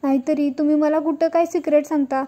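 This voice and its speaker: A woman's voice: sits high, level tone, quick pace, dark tone, natural voice. A woman voicing a sulky teenage boy who feels left out, speaking resentfully in her own voice.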